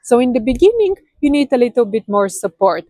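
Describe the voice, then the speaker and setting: A woman's voice: a little high, very animated, a little fast, dark tone, no echo, rough recording. A woman from Bulgaria with a Bulgarian accent, teaching her language in English in an earnest explanatory style, often rephrasing and demonstrating sounds. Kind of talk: explanatory video lesson.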